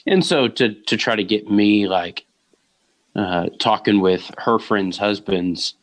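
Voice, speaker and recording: A man co-hosts a casual podcast conversation in a somewhat low voice. He talks hesitantly, full of fillers and pauses. His humor stays dry. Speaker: podcast co-host. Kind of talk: casual chat.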